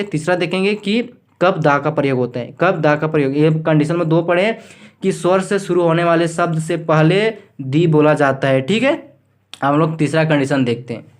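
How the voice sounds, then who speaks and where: A man teaching an English lesson, asking questions and answering them himself in a slow, repetitive drilling way. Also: a little high. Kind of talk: classroom lesson.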